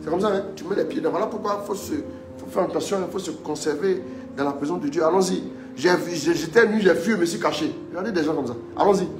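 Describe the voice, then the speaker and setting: A man's voice: fairly high pitch, fast, roomy sound, over music. A man preaching a live-streamed teaching sermon, emphatic and repetitive, urging listeners on and having scripture read aloud. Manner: emphatic, repeats phrases, urges listeners on.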